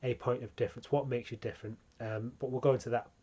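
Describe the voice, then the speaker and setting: A man explains branding in a relaxed, casual tutorial, filling pauses with ums and correcting himself as he goes. His voice sits mid-range and stays fairly flat, with little rise or fall. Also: medium pitch, breathy edge, dull audio. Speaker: channel host teaching branding.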